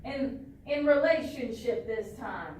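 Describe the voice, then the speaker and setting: A woman leading a group discussion as a trainee facilitator, asking questions in a halting way and repeating herself. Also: a little high, expressive, darkish tone. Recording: echoey room, far from mic, faint noise.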